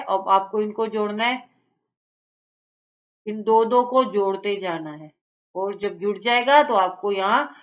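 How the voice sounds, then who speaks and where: Slow patient woman teacher. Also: mid-range voice, muffled recording. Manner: slow, patient, explaining step by step to children. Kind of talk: textbook lesson for children.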